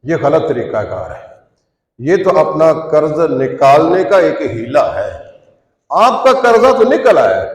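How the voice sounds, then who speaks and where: A man from Pakistan giving a Friday sermon in a large mosque, explaining rules step by step and pushing his voice up on key points. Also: fairly high pitch. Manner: instructive, rising emphatic peaks on key points. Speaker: preacher. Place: large mosque prayer hall. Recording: echoey mosque hall from far off.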